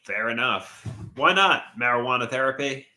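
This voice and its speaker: Hosting a casual livestream, a man reads chat comments aloud with a stuffy, congested nose, rambling hesitantly and trailing off mid-thought. His mid-range voice is pushed and bright with lively intonation at a moderate pace, and it sounds reverberant.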